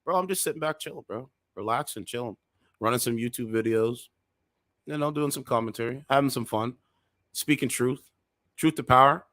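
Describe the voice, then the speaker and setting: This is a man in his thirties doing reaction commentary on his channel. His talk is heated and preachy, and he breaks into loud outbursts. His voice sits at a middle pitch and sounds close and dry, with no room in it. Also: moderate pace, no echo. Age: 30s.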